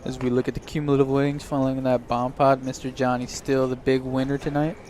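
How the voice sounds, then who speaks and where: A man's voice: mid-range voice, level tone, fast talker, darkish tone, a little hiss or hum. Chatty male poker commentator. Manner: chatty, thinks aloud while reading hands.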